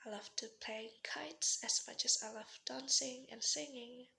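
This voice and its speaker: A young woman from Indonesia with an Indonesian accent, giving a rehearsed formal speech as a student in earnest, pausing style with slips and restarts. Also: a little high, creaky, bright, forceful tone. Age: young adult.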